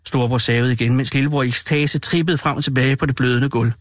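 A man reading a dark children's story aloud in a measured, expressive way. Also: medium pitch, no room sound, clean studio sound.

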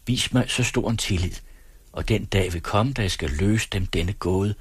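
Man voicing a gentle secretive young bride, husky, solemn, low and dry. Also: no room sound. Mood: pleading. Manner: solemn, pleading. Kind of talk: audiobook dialogue reading.

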